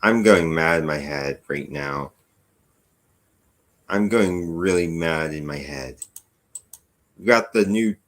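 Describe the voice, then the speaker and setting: A deep-voiced American man with a fairly bright tone hosts a casual news podcast. Tired and rambling, he delivers a news-commentary monologue, often restarting sentences and slipping in chatty asides to his viewers.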